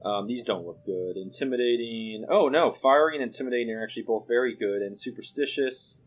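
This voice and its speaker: A man's voice: medium pitch, a little fast. A man giving casual let's play commentary, thinking aloud with lots of fillers as he weighs his options. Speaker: game commentator.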